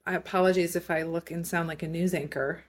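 A woman's voice: lowish voice, fairly even intonation, brisk. A woman co-hosting a coffee business podcast, joking and self-deprecating, speaking into a handheld microphone. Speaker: podcast co-host. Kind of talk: casual chat. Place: home in Berlin, dark room.

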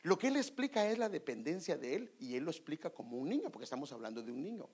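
A middle-aged Guatemalan preacher man tells a story from the pulpit, his voice husky with a gravelly edge. He speaks in a Guatemalan Spanish accent, swinging his pitch up and down in a lively way. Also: fast. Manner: animated storytelling, drops to whispers for inner thoughts. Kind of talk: sermon with personal story.

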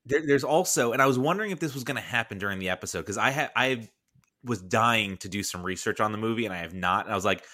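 A man's voice: on the low side, fast. A man guesting on a podcast, recalling a film in casual chat and acting out quotes. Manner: acts out quoted lines in animated bursts.

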